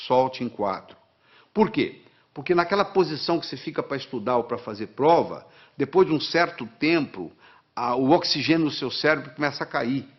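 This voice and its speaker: A man explains study techniques, counting out the steps and driving key phrases home through repetition. His voice sits at a middle pitch. The recording is slightly muffled and lo-fi. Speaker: guest teaching study techniques. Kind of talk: instructional talk.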